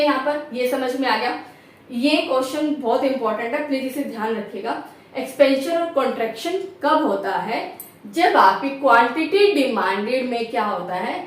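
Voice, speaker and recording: A woman's voice: sits high, distant mic. A woman teacher explaining a lesson step by step, often checking understanding and asking rhetorical questions. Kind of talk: classroom lecture. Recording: echoey room, voice off-mic.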